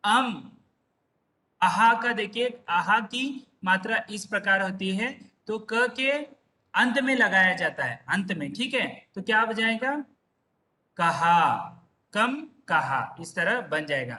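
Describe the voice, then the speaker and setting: Male teacher, online class: slow, bright-toned, patient repeater, sits back from the mic. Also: high-pitched, animated, slight background noise. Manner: patient, repetitive, drawn-out syllables. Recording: voice far from the mic.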